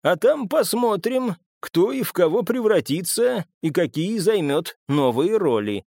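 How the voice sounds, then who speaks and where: A cold, cruel young vampire with a raised, mocking pitch, as a male narrator voices him. He spits out threats in a measured, deliberate way. It sounds like a dry audiobook read. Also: sing-song, a little mellow, no room sound, full character voice. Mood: menacing.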